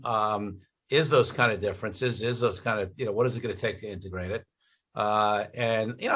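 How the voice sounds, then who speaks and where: A man hosting a business podcast, his voice sitting at an ordinary pitch. He asks long, meandering questions and pads them with fillers. His delivery stays easy and conversational. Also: fairly bright tone. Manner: rambling questions with many fillers. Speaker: podcast host.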